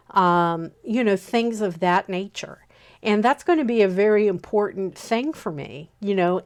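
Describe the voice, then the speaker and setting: A woman in her fifties hosting a relaxed spoken lesson, unhurried and often pausing to check in with an "okay?". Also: mid-range voice, clear, resonant tone. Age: 50s. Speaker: host teaching on pagan practice.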